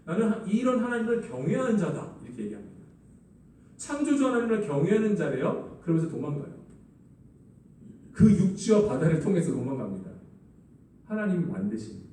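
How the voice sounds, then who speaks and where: Korean pastor preaching in an echoey hall. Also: male voice, fairly high pitch, fairly quick, pauses often, recorded from a distance. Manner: expressive preaching, acting out quoted lines. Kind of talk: sermon.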